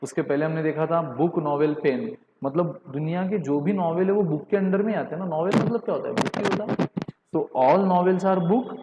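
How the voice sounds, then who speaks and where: A man with an Indian accent giving a live online lecture, switching between Hindi and English, reading statements out slowly and calling on students by name. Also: on the high side, reverberant, long reverb tail, highs cut off, very noisy. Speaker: online teacher.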